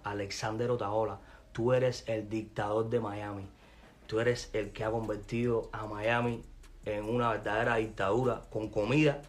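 A man with a Cuban accent, a musician, delivering a combative, mocking rant to the camera in crude street slang. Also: on the low side. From Cuba.

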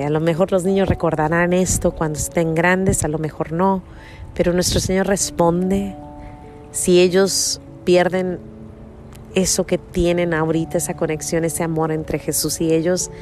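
A woman's voice: on the low side, darkish tone. A middle-aged woman telling a personal religious testimony in an earnest, repetitive way, often tagging her sentences with little questions. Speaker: mother telling a faith testimony. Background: faint music.

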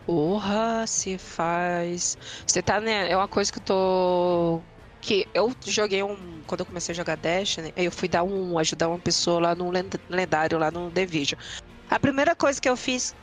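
A woman's voice: on the low side, moderate pace, faint music behind. A woman, a podcast guest chatting casually and acting out quotes in her stories. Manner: animated storyteller, acts out quotes loudly.

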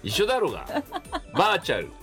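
A man's voice: high-pitched, huge pitch swings, fast, creaky, a bit bright, soft background music. A middle-aged man co-hosting a casual chat, teasing and joking in banter. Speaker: co-host.

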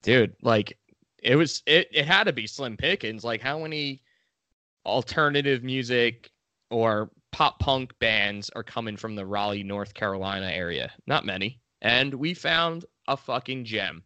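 A man co-hosting a podcast in casual chat, excited and swearing a lot. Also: medium pitch, measured pace, dry recording. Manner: enthusiastic, swears a lot, says dude. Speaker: podcast co-host.

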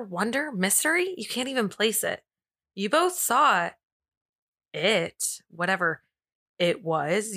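This woman's mid-range voice sounds pushed and bright as she co-hosts a podcast. Her talk is casual chat and storytelling, informal and playful, full of slang.

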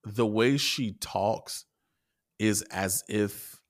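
Man, lowish voice, rambling podcast talk, restarts a lot, swears casually. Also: very slow. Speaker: podcast co-host and article writer.

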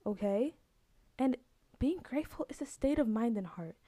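A woman's voice: fairly high pitch, animated, moderate pace, mellow, no room sound. A woman hosting a podcast, giving a casual, earnest religious talk that repeats its points. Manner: earnest, repetitive, conversational. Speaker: podcast host.

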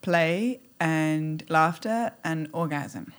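Deep-voiced and speaking very slowly, this woman is a podcast guest whose conversational talk is animated. She's playful and exuberant, acting out small scenes as she goes, complete with squeals and laughs.

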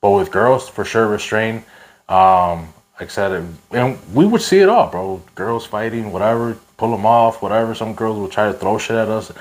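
A man's voice: fairly low pitch, moderate pace. A man chatting casually as a podcast host in slangy, swearing, bro-heavy street talk.

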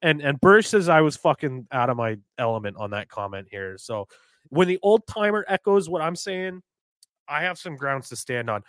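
A man from New Hampshire co-hosting a casual sports podcast, animated and quick to get heated, swearing freely. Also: fairly high pitch, no echo. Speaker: podcast co-host.

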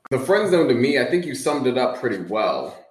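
A man appearing as a podcast guest, speaking in a measured, thoughtful way with frequent fillers. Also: mid-range voice, very animated. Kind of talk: casual chat. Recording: roomy echo.

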